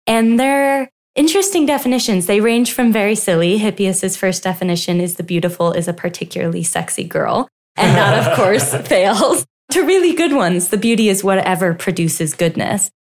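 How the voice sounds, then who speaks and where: A young woman, a doctoral researcher, giving articulate, animated answers in an interview. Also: lowish voice. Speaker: guest, philosophy doctoral researcher.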